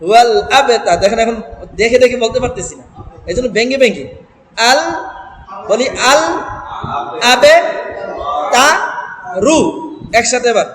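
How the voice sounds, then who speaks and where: A man leads a Quran reading class, chanting verses slowly and breaking words into single syllables for his students. His voice sits very high and rings through a roomy hall. A crowd of students can be heard around him. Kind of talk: classroom Quran recitation lesson.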